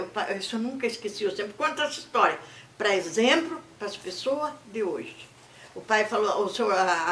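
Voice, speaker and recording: Older Brazilian woman, roomy storytelling voice. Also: medium pitch. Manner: lively storyteller who acts out the people she quotes. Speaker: interviewee. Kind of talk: oral history storytelling.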